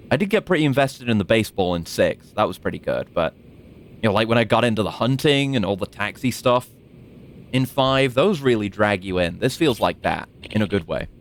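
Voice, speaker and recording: A man's voice: lowish voice, a little hiss or hum. A man giving casual gameplay commentary, thinking aloud in a rambling way. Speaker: video game streamer.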